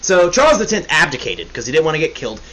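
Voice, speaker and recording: A man's voice: on the high side, big pitch swings, fast, a bit bright, rough recording. A young man hosting a casual history podcast, rambling and joking, often correcting himself. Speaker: podcast host. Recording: faint hiss.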